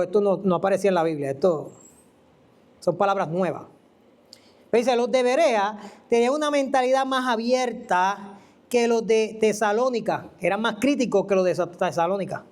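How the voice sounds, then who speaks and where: A preacher gives an animated, conversational teaching sermon, asking the listener questions. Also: medium pitch, moderate pace. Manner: animated, asks the listener questions and acts out quoted voices. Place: church.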